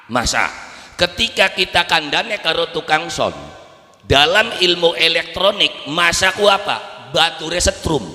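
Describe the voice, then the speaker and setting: A man's voice: a little high, bright, forceful tone. A man with an Indramayu Javanese accent preaching a sermon, asking and answering his own rhetorical questions and repeating words for emphasis. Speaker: Islamic preacher. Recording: reverberant hall.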